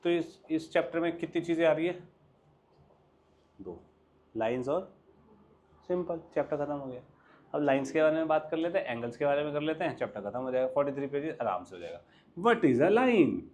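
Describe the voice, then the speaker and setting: Lively Indian male maths teacher. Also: on the high side, fairly quick, long pauses. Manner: lively, coaxing, asks students questions. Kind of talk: classroom lecture mixing Hindi and English. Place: classroom.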